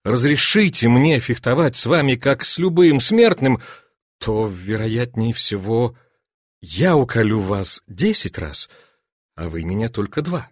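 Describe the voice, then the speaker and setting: A man's voice: medium pitch, very animated, no echo, clean studio sound. A man reading an audiobook and voicing a polite, composed fencing master who answers with deference. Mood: deferential. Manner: deferential, measured.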